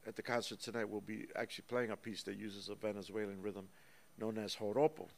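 A man being interviewed as a guest musician, talking in a lively, storytelling way and counting rhythms out loud. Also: fairly low pitch, a little fast, creaky. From United States. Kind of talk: casual interview. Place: small recording studio. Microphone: studio microphone.

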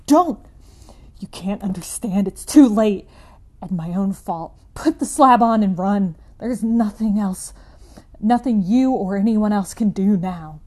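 A woman's voice: lowish voice, steady tone, slow pace, pauses often, warm tone, husky, exaggerated voice. A woman voicing a terrified man trapped in a crypt, speaking in a shaky, fearful voice. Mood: frantic shouting.

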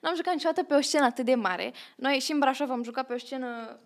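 A young woman co-hosting a casual podcast, telling stories in a chatty way, laughing often and acting out what others said. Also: high voice. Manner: chatty storyteller, laughs often, acts out quotes. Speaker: podcast co-host, theatre troupe member. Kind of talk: casual chat.

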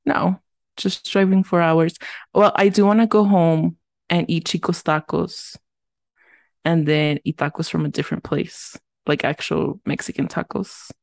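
A woman's voice: lowish voice, fairly even intonation, measured pace, gravelly, a little mellow, dry recording. A young woman co-hosting a casual podcast chat, joking and laughing often. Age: young adult. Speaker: podcast co-host.

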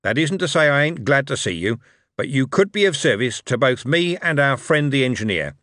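Brash older male boss, blustery and chummy, a man puts him on, higher and louder than the reader. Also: big pitch swings, normal speed, no room sound, studio quality. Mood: amused. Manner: coarse, blustering, chummy street slang. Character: brash older male tycoon, jovial and shrewd.

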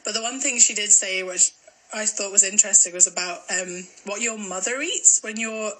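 On a rough recording, a young Scottish podcast co-host from Glasgow chats casually, giggling and drifting off with filler words. Her accent is mild and mixed. She speaks at normal speed in a medium-pitched, pushed, bright voice.

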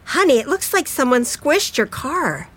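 A woman's voice: sits high, big pitch swings, measured pace, fairly bright tone, exaggerated voice. An actress playing an older mother who fusses over her grown son, in an audio drama. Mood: doting.

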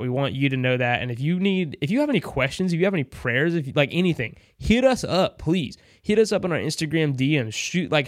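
A man's voice: a little high, no echo, clean studio sound. A man hosting a sports podcast, chatting casually with an earnest, emphatic manner.

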